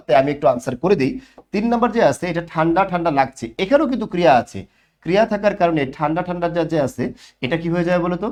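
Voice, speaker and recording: A man's voice: fairly high pitch, darkish tone. A man teaching an online class, explaining grammar and answering his own questions. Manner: explanatory, asks questions and answers them himself.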